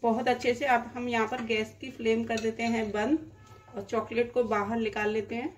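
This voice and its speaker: A woman's voice: on the high side, level tone, normal speed, slight background noise. A woman hosting a home cooking demonstration, explaining each step plainly as she works in her kitchen. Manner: explains plainly while cooking, with frequent "dekhiye". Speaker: cooking channel host.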